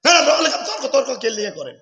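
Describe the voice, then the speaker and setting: A man's voice: very high-pitched, huge pitch swings, racing, bright, forceful tone. A male Islamic preacher scolding the sound man over a stage microphone in an irritated, lecturing way. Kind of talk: scolding talk from a sermon stage. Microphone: stage microphone on a big sound system.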